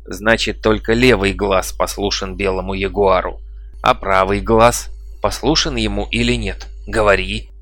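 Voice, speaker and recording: Cackling cruel old shaman, low voice, dry close sound, read by a man. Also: fairly even intonation, a little slow, a bit bright, no echo. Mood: mocking. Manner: cackling, taunting. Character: old mocking male shaman, gloating and cruel.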